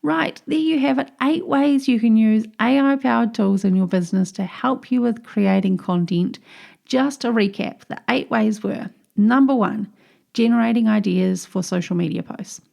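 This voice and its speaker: A woman with a New Zealand accent hosts her own podcast, running through tips solo in a cheerful, chatty manner. Her voice is slightly high, gravelly and a little mellow, at a normal speed.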